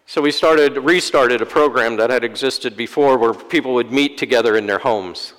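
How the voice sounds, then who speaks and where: A man's voice: mid-range voice, normal speed, a bit bright. Male priest preaching, dry self-mocking jokes, church with a long echoey tail. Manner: wry, self-deprecating humor. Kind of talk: sermon. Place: church sanctuary. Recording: long church-hall reverb.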